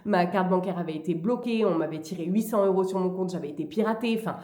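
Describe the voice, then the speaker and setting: A woman talking casually and hesitantly in a vlog, with frequent pauses as she gives advice. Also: lowish voice, mellow. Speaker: vlogger. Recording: echoey room.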